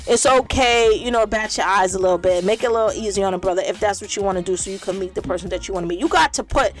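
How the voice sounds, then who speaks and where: A woman's voice: mid-range voice, rapid-fire. A woman hosting her own podcast, ranting bluntly in a casual monologue, full of profanity and repeating her points for emphasis. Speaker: podcast host.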